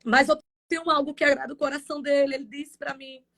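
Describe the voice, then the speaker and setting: Fervent high-voiced Brazilian woman pastor. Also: little pitch movement, fast talker. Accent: Brazilian Portuguese. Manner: fervent, swinging between loud cries and soft passages. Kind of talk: emotional faith testimony on a live stream. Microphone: phone or video call on a live stream.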